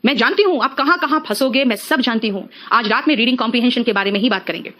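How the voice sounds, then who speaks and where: A middle-aged woman teaching an exam-prep English lesson, calling her students "beta" and slowing down to spell out example sentences. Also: a little high, bright, forceful tone, a little hiss or hum. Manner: addresses students as beta, mixes Hindi and English.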